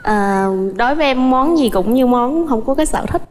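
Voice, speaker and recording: A woman's voice: high-pitched, lively intonation, normal speed, in a large hall, soft background music. A young woman from the Mekong Delta with a southern Vietnamese accent, talking politely and earnestly as a dating show contestant. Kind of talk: polite casual chat.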